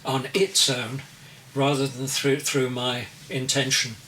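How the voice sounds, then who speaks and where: Elderly man speaking slowly from a distance. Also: mid-range voice, little pitch movement, pushed and bright. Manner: slow, deliberate, searching for words. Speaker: interviewed artist. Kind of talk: reflective interview answers. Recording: distant mic with faint noise.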